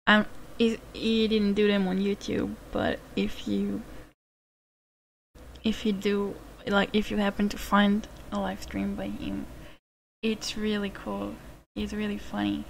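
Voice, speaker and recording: A woman chats casually on a live stream, reading questions from her chat and answering them. She is losing her voice, and her tone is gravelly with little rise and fall. A faint noise hums behind the home mic. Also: mid-range voice, level tone, takes it slowly, rough recording.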